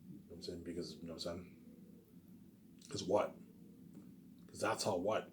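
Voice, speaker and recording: Deep and steady, a male vlogger speaks at a moderate pace with slight background noise. His casual monologue is boastful, emphatic and profane, looping back over itself as he asks and answers his own questions.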